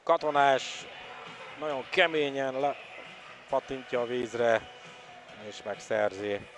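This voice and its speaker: A man giving excitable live water polo commentary, openly behind the home side. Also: medium pitch, slight background noise. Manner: excitable, partisan home-side commentary, swelling at attacks and goals. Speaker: sports commentator.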